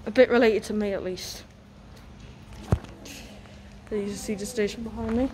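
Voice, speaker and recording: A woman's voice: mid-range voice, fairly even intonation, normal speed. A young woman with a North East English accent gives casual vlog commentary through a face mask, slightly muffled, announcing trains as she goes. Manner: announces train numbers and destinations. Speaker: host of a train-spotting vlog. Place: outdoors on a railway station platform. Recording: noisy outdoor station with vehicle noise.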